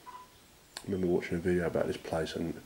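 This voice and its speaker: Man, low voice, crude jokey banter, exploring derelict house, faint hiss. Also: level tone, a little fast, vocal fry, mellow. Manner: joking, crude, swears freely. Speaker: urban explorer. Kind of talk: casual banter while exploring. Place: abandoned house indoors.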